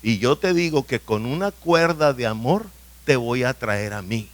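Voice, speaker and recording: A man's voice: mid-range voice, measured pace. A man preaching a sermon as pastor, telling testimonies and often asking the congregation whether they understand. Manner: emphatic, asks the congregation questions often. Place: church hall.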